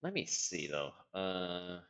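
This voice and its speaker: A man from Portugal with a South African-tinged English accent streams a game live, commenting on gameplay and reading chat. He's casual and profane, with sudden loud yelps of surprise. His low voice swings widely in pitch and he takes it slowly, with slight background noise.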